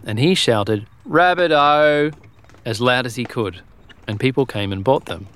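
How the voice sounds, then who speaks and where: A man narrating a children's storybook in a gentle, expressive way. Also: medium pitch.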